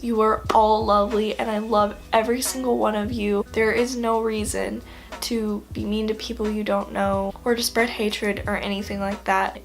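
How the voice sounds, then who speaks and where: A young woman speaks straight to her viewers in a slightly high, flat-toned voice that is worn rough by a cold. Her words are earnest and affectionate. Soft music plays quietly behind her. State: sick, hoarse voice. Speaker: vlogger. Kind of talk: motivational talk to camera.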